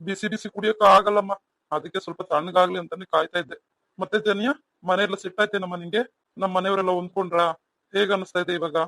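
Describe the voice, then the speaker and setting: A fond, wise old grandfather from a cartoon , as the narrator puts him on. He talks quickly and is recorded close and dry. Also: medium pitch, fairly even intonation, fairly bright tone, no room sound, natural voice. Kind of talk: cartoon voice acting.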